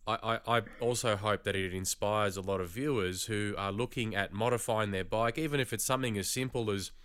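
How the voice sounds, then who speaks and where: A man hosting a casual interview in an encouraging, conversational way with a smooth, clear voice. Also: fairly low pitch, fairly even intonation, fairly quick, a bit bright, no room sound. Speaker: host interviewing a YouTuber.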